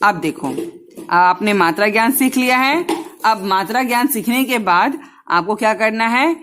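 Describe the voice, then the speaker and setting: A woman teaches young children, speaking. She stretches each syllable slowly and repeats the drill line by line. She addresses the kids gently and directly. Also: a little high, lively intonation, slight background noise. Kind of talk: children's Hindi lesson.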